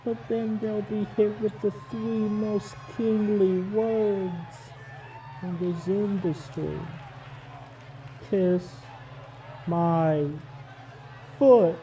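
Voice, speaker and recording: A man's voice: high-pitched, level tone, dark tone. A man playing a pompous, arrogant king of pro wrestling, giving a grandiose, theatrical promo speech. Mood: triumphant. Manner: pompous, grandiose, deliberate pauses. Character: pompous self-proclaimed king, arrogant male wrestling villain. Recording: distant mic, noisy arena crowd.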